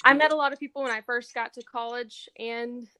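A young woman in her twenties from East Texas, a college senior answering interview questions in a soft, halting way with many ums. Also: a little high, fairly even intonation, smooth. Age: 20s. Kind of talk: casual interview.

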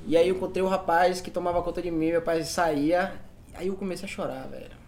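A man's voice: high voice, fairly even intonation, fast, a little mellow. A man with a Bahian Brazilian accent, a musician guest telling personal stories casually with informal slang. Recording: faint background noise.

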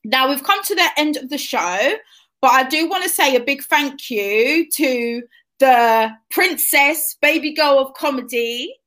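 A woman in her thirties with a London accent hosts a relaxed interview, her voice sitting high. She talks chattily and encouragingly to her guest. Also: a little slow. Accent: London English. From England. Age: 30s. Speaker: host. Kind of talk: casual interview chat.

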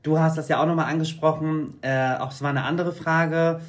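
A man's voice: fairly high pitch, steady tone, fairly quick. A young man co-hosting a casual podcast chat, gossipy and laughing. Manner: gossipy, laughing, camp banter. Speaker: podcast co-host.

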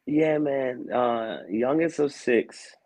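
Speaking slowly in a medium-pitched, darkish voice, this man keeps things loose and casual on a podcast. An assistant pastor and vocal coach in his thirties from Aberdeen, Maryland, he's easygoing, laughs a lot, and drops "man" frequently as he chats.

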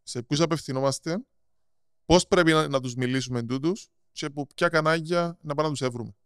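A man with a Cypriot Greek accent explaining things in casual interview talk, halting and repeating words as he goes. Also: fairly high pitch, a bit bright, smooth, no room sound, clean studio sound. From Cyprus. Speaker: podcast guest, marketing strategist.

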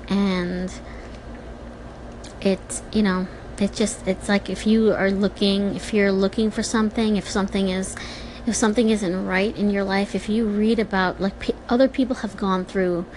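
A woman speaking in a reflective, casual monologue, halting and searching for her words as she hosts a personal vlog. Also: medium pitch, a little hiss or hum, low-quality recording. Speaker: host of a personal audio vlog.

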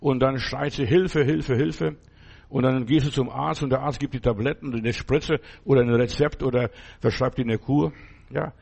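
A middle-aged man delivers a sermon with a gravelly, creaky voice. His tone is husky, and he speaks earnestly, returning to the same phrases and checking in with his listeners. His pitch sits at an ordinary middle height. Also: steady tone, normal speed, a little mellow. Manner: earnest, repeats phrases with many tag questions. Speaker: preacher.

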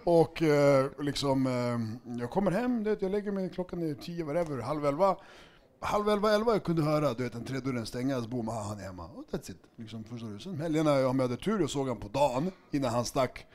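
Lively man telling stories. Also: mid-range voice. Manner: animated storytelling, swings loud and laughing then drops quiet. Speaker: podcast guest. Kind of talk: casual chat.

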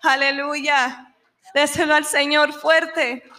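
A woman's voice: high voice, level tone, takes it slowly, pushed and bright. A woman preaching a sermon, telling a story with passion and acting out the people in it. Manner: impassioned, acts out quoted voices.

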